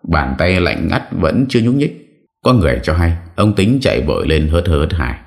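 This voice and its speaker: Very deep-voiced man narrating. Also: normal speed, creaky. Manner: steady storytelling reading. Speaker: audiobook narrator. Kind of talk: scripted narration.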